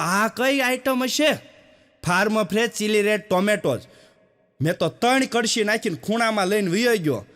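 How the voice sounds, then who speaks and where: A man's voice: sits high, fairly bright tone. A man from doing folksy stand-up storytelling, with a chatty manner that speaks straight to the audience. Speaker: stand-up comedian.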